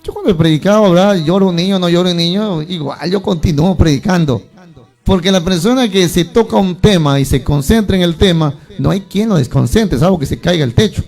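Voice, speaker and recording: A man's voice: high-pitched, a little fast, a little mellow, soft background music. A man preaching a sermon, telling stories animatedly and acting out the voices of churchgoers.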